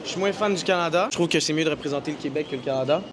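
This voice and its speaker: A young man, answering in a lively, enthusiastic way. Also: fairly high pitch, very fast. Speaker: interviewed student. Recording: outdoor crowd and traffic.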